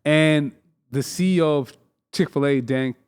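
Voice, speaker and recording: Male podcast host, fairly high voice, casual and animated, piles up repeated words. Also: a little slow, smooth. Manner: animated, repeats words when making a point. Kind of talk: casual chat.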